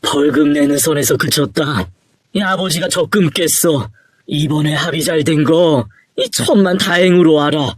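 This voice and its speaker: A man's voice: a little high, normal speed, no room sound, studio quality, lightly acted. A man voicing a stern, worried middle-aged father who scolds his son. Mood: scolding. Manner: nagging, scolding.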